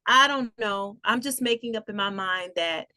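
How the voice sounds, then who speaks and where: A woman's voice: mid-range voice, moderate pace, bright, forceful tone, dry recording. A woman co-hosting a casual political chat, musing aloud and reading out notes as she talks. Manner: musing, reads aloud, laughs often. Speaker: podcast co-host.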